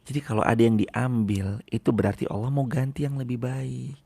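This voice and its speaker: A man preaching a sermon to his congregation, repeating key phrases and slowly chanting Arabic verses. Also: medium pitch, level tone, vocal fry, dark tone, slightly rough. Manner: addresses the congregation directly.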